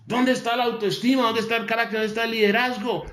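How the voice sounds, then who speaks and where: A man giving a motivational talk, emphatic, repeating key phrases and slowing down to stress them. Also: very high-pitched, flat delivery, fairly bright tone, echoey room. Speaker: motivational speaker.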